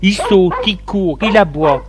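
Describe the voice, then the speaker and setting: A man reading a story aloud in a slow, deliberate way. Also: high voice. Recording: steady background noise.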